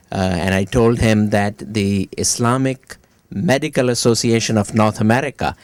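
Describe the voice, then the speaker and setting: A man answering interview questions in a measured, formal way, pausing often with uh. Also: on the low side, a little mellow, no room sound. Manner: measured, formal, with frequent uh pauses.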